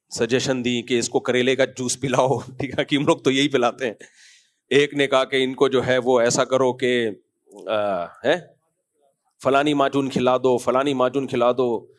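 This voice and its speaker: A man giving a conversational religious talk, telling anecdotes and jokes and acting out the dialogue in different voices. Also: medium pitch. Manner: storytelling, acts out dialogue in different voices, chuckles. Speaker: Islamic scholar giving a talk.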